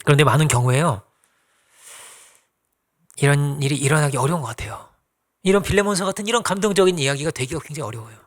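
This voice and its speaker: A man preaching a conversational sermon as pastor, acting out quoted lines and dropping to soft asides. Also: a little high, fast, long pauses.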